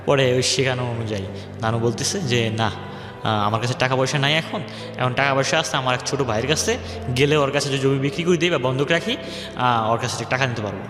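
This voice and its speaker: With background music and hall-like echo around him, a young radio guest recounts his life, wandering off track and voicing other people's lines. He speaks at a medium pitch and a quick pace.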